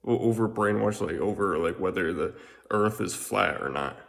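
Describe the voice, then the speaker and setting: Deep, creaky-voiced man; rambling, filler-heavy, profane monologue. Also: normal speed, a bit bright. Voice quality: frequent filler words and swearing, repetitive. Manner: meandering, restarts, occasional laughs.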